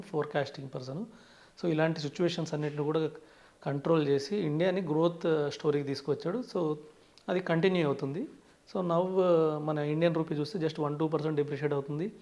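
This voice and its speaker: His voice sits fairly high and sounds a little mellow. A Telugu-accented man in the role of a finance expert, he explains things in an interview using English terms and frequently leads with "so".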